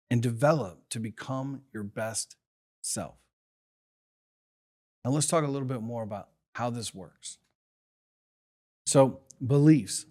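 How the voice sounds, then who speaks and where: A man's voice: medium pitch, darkish tone. A middle-aged man hosting a solo motivational podcast, reflective, asking rhetorical questions and drawing on his own life. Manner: reflective, asks rhetorical questions, talks from personal experience. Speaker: podcast host.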